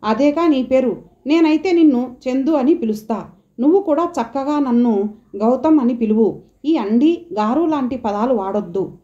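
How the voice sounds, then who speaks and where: A woman reading the lines of a friendly, confident young man, in a softer, lower voice than her narration. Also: expressive, normal speed, highs cut off. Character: friendly young male suitor, confident and easygoing.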